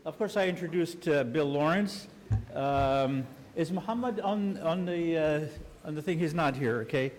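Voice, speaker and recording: A man's voice: on the high side, unhurried, a little hiss or hum. A man moderating a conference panel, talking informally with many fillers as he introduces speakers. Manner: informal, with frequent fillers, directing people around. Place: conference hall.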